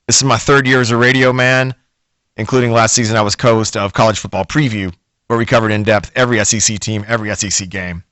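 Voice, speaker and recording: A man's voice: fairly low pitch, steady tone, fast, a bit bright, no echo. Guy hosting sports radio, middle-aged, folksy and brash, dry close studio mic. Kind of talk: sports talk radio monologue.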